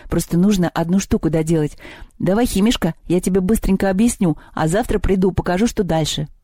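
A woman's voice: lowish voice, fairly quick, warm tone, no room sound, studio quality, lightly acted. A woman voicing a distracted, plaintive schoolboy in a storybook reading. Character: dreamy, absent-minded schoolboy.

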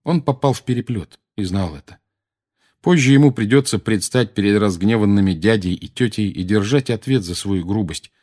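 A man reads a novel aloud in a steady, measured storytelling voice. His tone is low-pitched with a breathy, husky texture. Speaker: narrator. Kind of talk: audiobook narration.

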